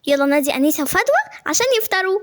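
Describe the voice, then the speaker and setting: A woman's voice: sits high, big pitch swings, very fast, pitched below the performer's own voice. A woman with an Egyptian accent voicing a tired, caring mother in a spoken story. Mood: puzzled.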